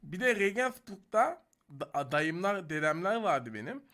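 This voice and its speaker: Speaking unhurriedly in a high-pitched voice, this foul-mouthed twenty-something man jokes around with lots of energy while casually reacting to a video.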